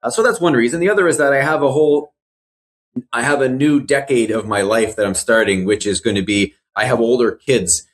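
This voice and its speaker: Guest, man in his 40s, mid-pitched, brisk, reflective and sincere. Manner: earnest, reflective, repeats words as he thinks. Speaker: mortgage broker guest. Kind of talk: casual interview.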